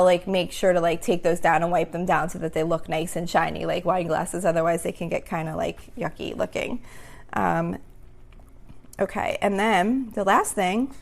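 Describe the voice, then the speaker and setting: Lots of "um" and "like" fill this woman's rambling talk as she hosts a casual podcast by herself. Her lowish voice has vocal fry and sounds a little worn, like she's losing it.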